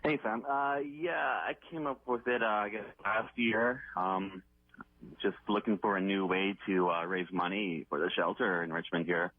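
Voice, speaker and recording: A man working as an animal control officer, calling in to a radio show and talking casually with halting fillers. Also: fairly low pitch, fairly even intonation, no echo. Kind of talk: phone-in radio interview. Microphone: phone line. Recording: tinny phone line.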